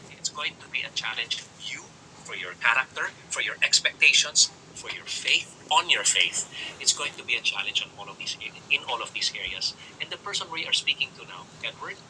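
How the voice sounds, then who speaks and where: Man, Filipino accent, talk host, very bright tone, faint background noise. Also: mid-range voice, poor audio. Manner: warm encouraging mix of English and Filipino. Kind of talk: live online talk show interview.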